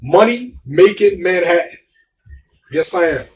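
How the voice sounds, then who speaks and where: Man, middle-aged, New York accent, high voice, emphatic casual talk, faint background noise. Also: expressive, a little slow, darkish tone, far from the mic. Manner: emphatic, repeats himself. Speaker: guest.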